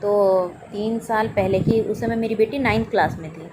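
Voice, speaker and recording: This is a spoken testimony from a mother telling of a frightening, miraculous day with her daughter, performing both sides of their conversation. She speaks earnestly in a mid-range voice at a moderate pace, with steady noise running underneath.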